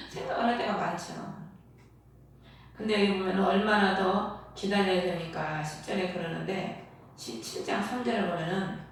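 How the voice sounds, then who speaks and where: A woman's voice: mid-range voice, slight background noise. A woman pastor preaching a sermon earnestly and asking the congregation rhetorical questions. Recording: echoey hall, voice from far off.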